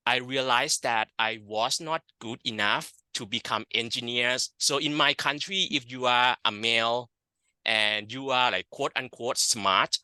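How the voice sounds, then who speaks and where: Man, Thai accent, economics professor, interview, very bright tone, dry sound, unhurried, lots of fillers. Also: medium pitch, clean tone, dry recording. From Thailand. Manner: unhurried, many fillers and restarts. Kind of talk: interview answers.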